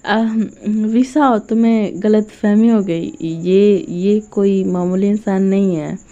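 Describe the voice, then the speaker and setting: A nervous young man frets and soothes in quick, anxious talk, as a woman puts him on in a storybook retelling. The sound is mellow and slightly dull. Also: mid-range voice, fairly even intonation. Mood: placating. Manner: fretful, hurried inner talk.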